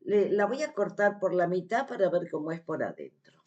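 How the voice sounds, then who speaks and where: A woman's voice: fairly low pitch, very animated, moderate pace, a little mellow, highs cut off. An Argentine woman with an Argentine Spanish accent, chatting casually to camera as a vlogger, explaining things step by step with lots of fillers. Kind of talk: casual vlog chat.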